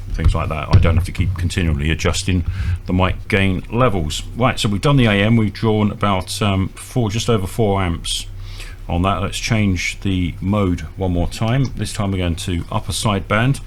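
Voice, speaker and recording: In a deep voice at a moderate pace, a man hesitantly explains a hands-on equipment demo step by step, informally, indoors at a small bench. There's noticeable electrical hum and noise in the recording.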